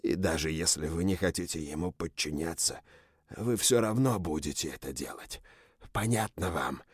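A man voicing a wounded captive general who pleads for his life and then threatens his captors, hoarse and strained. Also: deep voice, moderate pace, no room sound, studio quality. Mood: menacing. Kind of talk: audiobook character reading.

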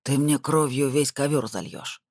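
A man's voice: mid-range voice, moderate pace, darkish tone, no room sound, close to an everyday voice. A smug, wealthy middle-aged man who left crime behind brushes off every question with mockery, as a male narrator plays him in an audiobook. The sound is dry and close. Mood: dismissive.

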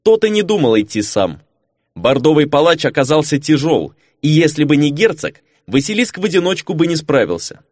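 A man narrating a fantasy audiobook with an expressive reading. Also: fairly high pitch, a little fast, dry recording, clean studio sound.

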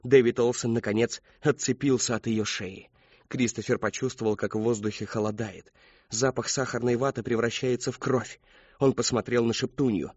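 Male narrator, husky voice, steady dramatic reading, dry lo-fi recording. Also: medium pitch, moderate pace, dry recording. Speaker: audiobook narrator. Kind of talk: scripted narration.

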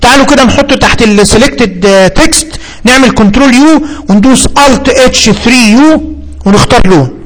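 A man's voice: very high voice, fairly quick, poor audio. A man with an Egyptian accent teaching a computer lesson, thinking aloud and repeating himself as he explains each term. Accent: Egyptian Arabic. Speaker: computer instructor. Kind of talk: screen-reader software tutorial.

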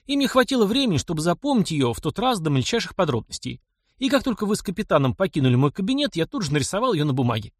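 A man's voice: high voice, big pitch swings, fast, no room sound, studio quality, voice pushed up. A man voicing an elderly professor in an audiobook, eager and insistent, huffing when doubted. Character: elderly male professor, excitable and proud. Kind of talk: audiobook character reading.

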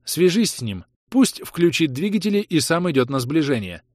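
A man's voice: fairly high pitch, very animated, moderate pace, no echo, studio quality, pitched above the performer's own voice. A man voicing a strained woman doctor who speaks curtly under pressure. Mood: commanding. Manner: curt, strained. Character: tense young woman doctor on the edge.

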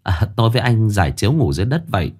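A man's voice: fairly low pitch, sing-song, racing, darkish tone, slightly rough. A man voicing a poor young village man who speaks politely and pleads anxiously. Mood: humble.

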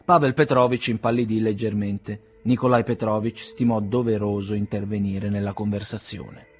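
A man narrating a classic novel as an audiobook in a measured, even literary reading. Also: fairly low pitch, breathy edge, faint music behind.

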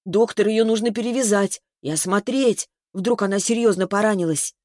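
A woman's voice: medium pitch, moderate pace, a little mellow, dry recording, studio quality, pitched above the performer's own voice, lightly acted. A man reading an audiobook, voicing a puzzled and caring young woman in a lifted, questioning tone. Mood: urgent. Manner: lightly raised, questioning. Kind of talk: audiobook character voice.

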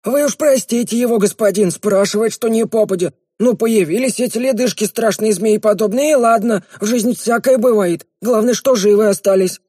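An audiobook reader voicing a sly, fawning red-haired servant who wheedles and makes excuses. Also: male voice, sits high, normal speed, few pauses, mellow, husky, dry recording, studio quality, pitched above the performer's own voice. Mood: wheedling. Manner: wheedling, excuse-making, stammers when scared.

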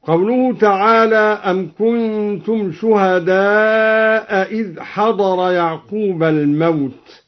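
A man explaining Quran reading variants in a measured, scholarly way, quoting verses in a light chant, on a dull archival radio recording. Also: high-pitched, fairly even intonation. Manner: slow, deliberate, quotes verses in a light chant. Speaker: Quran recitation teacher.

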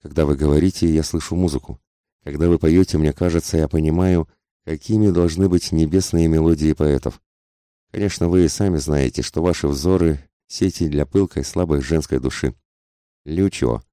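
A man's voice: rumbling low, normal speed, warm tone, dry recording, studio quality. A man voicing a passionate, desperate society woman who pleads for love in an intense, angry half-whisper.

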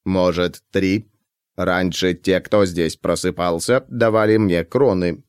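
A man voicing a rickety patchwork robot with a metallic, grating voice and flat, mechanical delivery. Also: sits low, clean tone, no echo, studio quality, voice pushed down. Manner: slow, flat, mechanical repetition. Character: rickety patchwork robot automaton, male, mournful. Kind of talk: audiobook character voice.

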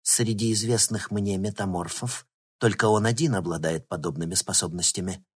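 A man's voice: on the low side, normal speed, husky. A man playing a polite, guarded company president who turns worried, in an audiobook.

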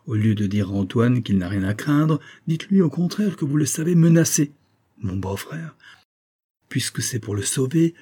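A man's voice: mid-range voice, warm tone, slightly rough. A man voicing a grave, insistent imprisoned colonel. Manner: earnest, pressing argument.

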